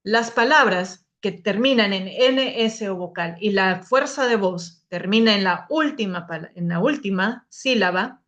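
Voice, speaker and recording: Slow, patient woman teaching grammar. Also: mid-range voice, fairly bright tone, dull audio. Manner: explains patiently, often restarting words and saying "entonces". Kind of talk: spoken grammar lesson to a class.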